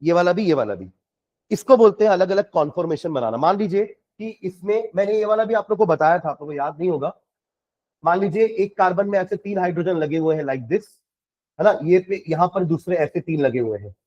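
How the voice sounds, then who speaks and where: A man teaching a chemistry class, explaining patiently, asking his students questions and dictating notes slowly with repetition. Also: high-pitched, animated, darkish tone, muffled recording.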